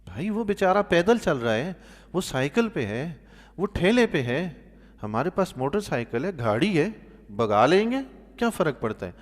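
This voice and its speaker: Imam preaching in a long-reverb hall. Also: male voice, fairly high pitch. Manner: animated storyteller, voice swelling loudly on emphatic points; drops to a soft, quiet tone for pious exclamations. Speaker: mosque imam giving Quran commentary. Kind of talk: sermon-style Quran commentary with storytelling.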